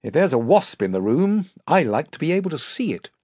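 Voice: mid-range voice, sing-song, a little fast, a little mellow, breathy edge, no room sound, studio quality, voice pushed up. A reader voicing a wry, sceptical boy king.

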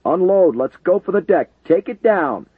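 A male narrator puts on a tense fighter pilot barking clipped radio calls. The voice is husky and swings widely in pitch. The sound is dry, tinny and phone-like. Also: animated, moderate pace, no echo, full character voice. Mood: urgent. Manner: clipped radio call sign talk. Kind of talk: audiobook narration with character voices.

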